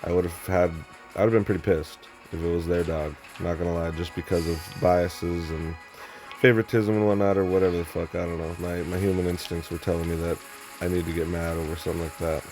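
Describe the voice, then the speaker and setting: Young man, very deep voice, rambling, blunt, profane, casual storytelling, faint background music. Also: little pitch movement, a little fast, a little mellow. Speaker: vlogger.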